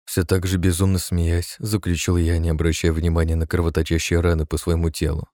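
Man voicing a crazed, mocking dark mage. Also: sits low, completely flat delivery, brisk, dry recording, clean studio sound, close to an everyday voice. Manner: mocking, then wild manic shouting. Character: arrogant, bloodthirsty male mage, mad glee.

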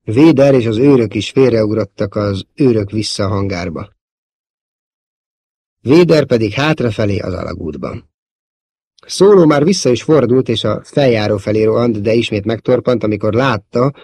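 A man narrating a novel as an audiobook in a steady, measured reading. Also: fairly low pitch, husky, no room sound, studio quality.

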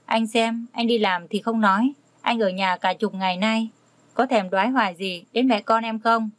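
A woman's voice: on the high side, normal speed, no echo, lightly acted. Sulky pregnant young wife, accusing tone, dry close read by a woman storyteller.

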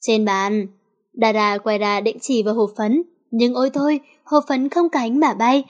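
A woman reads a teen story aloud in a lively, playful way. Her voice sits somewhat high. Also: moderate pace. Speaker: narrator. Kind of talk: storybook reading.

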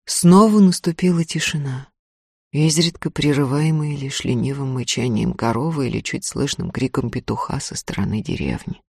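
A woman reading a novel aloud in an even, measured storytelling voice. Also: very deep voice, creaky, breathy edge, no room sound, studio quality. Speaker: audiobook narrator. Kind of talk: scripted narration of a novel.

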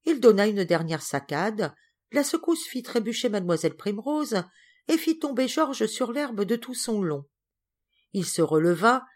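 Woman reading an audiobook, clear even storytelling, mid pitch. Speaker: audiobook reader. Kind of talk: audiobook narration.

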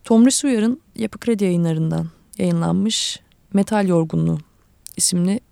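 A woman reading a literary short story aloud for radio, with a calm, measured delivery. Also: fairly low pitch, creaky, no room sound, studio quality. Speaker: story reader.

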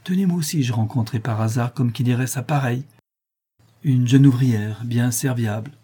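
A man's voice: mid-range voice, normal speed, warm tone, husky, lightly acted. A man reading as weary, tender Jeanne. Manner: hesitant, tender and sad. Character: weary working woman, mother, sister of a prisoner.

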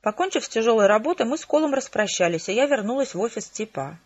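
A woman narrating a comic detective novel in the first person, with a brisk, lively delivery, in a slightly muffled lo-fi recording. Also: fairly high pitch. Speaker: audiobook narrator.

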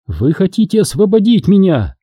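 A fierce captive warrior woman hurls high, strained retorts at her captors, voiced by a male audiobook reader. The sound is close and dry, with no room echo. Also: wildly swooping pitch, moderate pace, slightly rough, dull audio, exaggerated voice. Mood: defiant. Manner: shouting, defiant.

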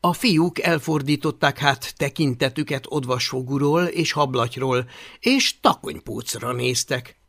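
A man narrating an audiobook in an expressive storytelling manner. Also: medium pitch, vocal fry. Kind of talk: scripted narration.

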